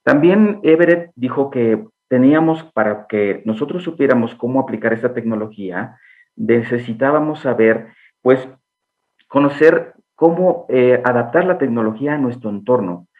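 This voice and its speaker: A man giving an online lecture, speaking in a measured way with frequent hesitations. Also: mid-range voice. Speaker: guest lecturer. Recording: tinny phone-like online call.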